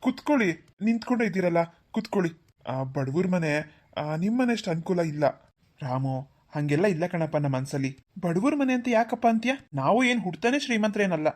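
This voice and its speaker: A generous middle-aged father in a cartoon, reassuring everyone in a low, gentle voice as a woman acts him. He sounds calm and kindly. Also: brisk. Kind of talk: cartoon voice acting.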